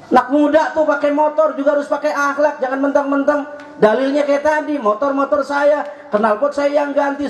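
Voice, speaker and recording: A man preaching a sermon with a Jakarta Betawi accent, joking with the crowd and at times shouting. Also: extremely high pitch. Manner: joking, rising to shouts at points. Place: mosque or prayer hall. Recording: echoey hall with faint hum.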